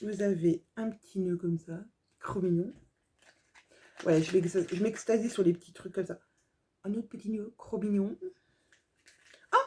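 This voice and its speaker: A woman's voice: medium pitch, steady tone, measured pace, pauses often, dark tone, a little hiss or hum. A woman sewing vlogger chatting casually through a haul video, gushing over small details with lots of fillers.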